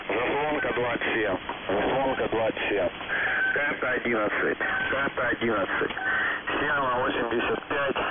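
A male radio operator comes through over shortwave, reading a coded message in steady, measured phrases and repeating each one twice. The sound is thin and phone-like, buried under loud static hiss. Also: medium pitch. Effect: heard over a shortwave radio. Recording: tinny, heavily hissing radio transmission.

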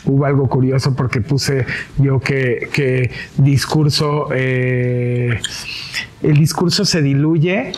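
A man's voice: mid-range voice, darkish tone, breathy edge. A man hosting an interview in a studio, talking expressively and gesturing with a handheld mic. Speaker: interview host. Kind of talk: warm-hearted studio interview chat. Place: studio set with bookshelves.

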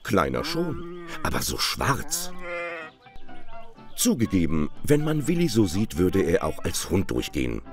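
Man, documentary narrator, very deep voice, swooping and expressive, wry scripted delivery, soft music underneath. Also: measured pace.

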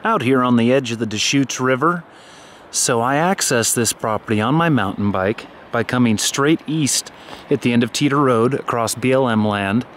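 Brief: man, mid-pitched, easygoing outdoor tour guide, pointing things out. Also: a little hiss or hum. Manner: relaxed, enthusiastic, pointing out landmarks. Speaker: real estate video tour narrator. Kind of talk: casual property tour narration. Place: outdoors on a rural lot and riverside.

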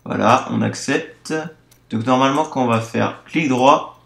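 Excitable 18-year-old male let's-play host, roomy room sound. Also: medium pitch, unhurried, gravelly. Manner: excitable, exclaims often. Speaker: gaming video host. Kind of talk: casual let's-play commentary.

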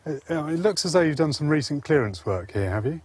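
A man's voice: a little high, animated, fast talker, darkish tone, slightly rough, no echo. A man presenting a documentary walking tour, narrating and interviewing with marvelling enthusiasm on open downland. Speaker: landscape archaeologist presenter.

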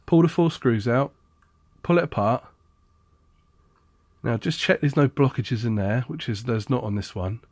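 A man's voice: medium pitch, a little slow, long pauses, darkish tone, no room sound. Blunt, chatty repairman. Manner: blunt, chatty, jokey and sarcastic. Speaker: appliance repair technician. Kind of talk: casual how-to demonstration.

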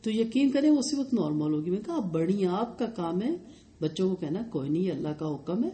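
Woman lecturer, mellow voice, storytelling, addresses listeners directly. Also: on the low side, lively intonation. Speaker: Islamic lecturer. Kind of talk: religious lecture to women.

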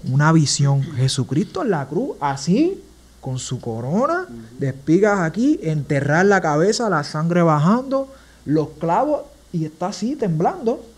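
A man's voice: on the high side, very animated, a little slow. A young man with a Puerto Rican accent, a podcast guest telling his personal story earnestly and with emotion. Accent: Puerto Rican Spanish. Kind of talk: personal testimony in a casual interview.

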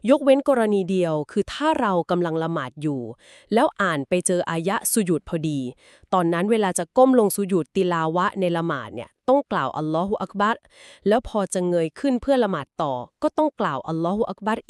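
Calm woman patiently explaining. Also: fairly low pitch, brisk, no room sound, clean studio sound. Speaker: podcast co-host explaining Quran etiquette. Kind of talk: explanatory podcast chat.

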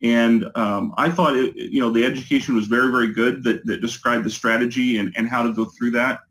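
Halting man on a video call. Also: medium pitch, steady tone, a bit bright, poor audio. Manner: hesitant, many fillers and restarts. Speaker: client giving a testimonial. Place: home office. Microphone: video call with a poor connection.

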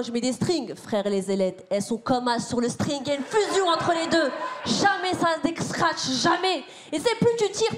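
High-voiced woman doing stand-up. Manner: animated, slangy, addresses the crowd directly. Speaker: stand-up comedian. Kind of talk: stand-up comedy set. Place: large theater stage. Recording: live theater with loud crowd noise. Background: audience laughter.

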